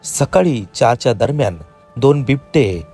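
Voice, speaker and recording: A man reporting the news in a measured, formal voice-over. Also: medium pitch, expressive, dark tone, husky, faint music behind.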